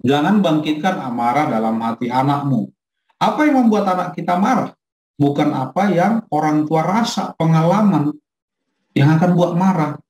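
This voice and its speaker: Middle-aged guy pastor teaching parents, lively, acts out his kid's lines, roomy echo. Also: on the high side, normal speed. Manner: animated, acts out quotes from his child. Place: church hall. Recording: echoey room.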